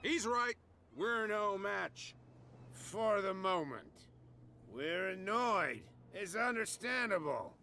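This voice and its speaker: Casting: drunken island thugs, high, bright, slow and slurred, taunting. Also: male voice, expressive, slight background noise, exaggerated voice. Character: drunk hostile male islanders, menacing.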